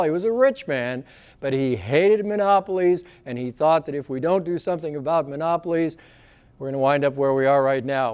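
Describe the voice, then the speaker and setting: A man's voice: medium pitch, darkish tone, clean tone. A man giving a live local history talk with slides, conversational and asking the audience questions.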